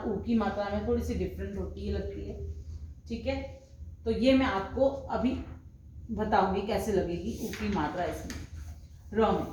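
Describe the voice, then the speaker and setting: Woman slowly drilling hindi syllables like a teacher, kinda high voice, super echoey room w/ faint hum. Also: darkish tone. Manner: drills syllables one by one, patient teacherly explaining. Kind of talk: slow recited alphabet lesson.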